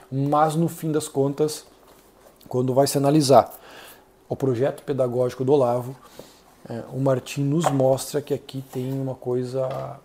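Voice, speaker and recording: Earnest Brazilian man, mellow voice. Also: mid-range voice, slight background noise. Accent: Brazilian Portuguese. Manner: earnest, measured, with frequent hesitations. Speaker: channel host reviewing an essay. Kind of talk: solo commentary.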